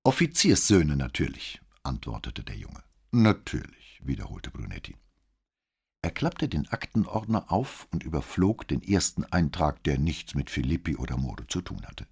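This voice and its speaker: A male audiobook narrator reading with scripted, expressive delivery. His voice is very deep and slightly husky, and it moves widely in pitch. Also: moderate pace.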